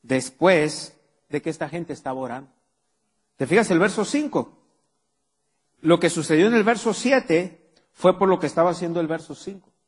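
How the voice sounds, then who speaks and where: Before a congregation in a church hall, a pastor delivers a sermon packed with rhetorical questions, his words trailing into long hall reverb. He speaks at normal speed in a fairly high, expressive voice with a breathy edge, leaving long pauses.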